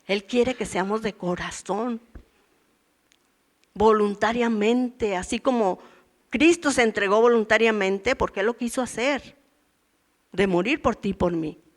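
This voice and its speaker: A woman's voice: on the high side, a little slow, pauses often. A woman in her sixties teaches a women's church meeting in a chatty, storytelling sermon, acting out everyday voices. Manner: conversational preaching, acts out voices from daily life and her past.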